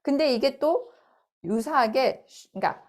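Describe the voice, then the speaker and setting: A middle-aged woman teaching a phonics lesson in a casual spoken style, explaining slowly and repeating sounds out loud to model them. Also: high voice, animated.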